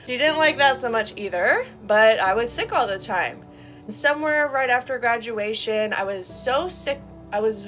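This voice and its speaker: A woman's voice: medium pitch, a bit bright. A young adult woman sharing a personal story in a candid, chatty, informal way, like a casual video to camera.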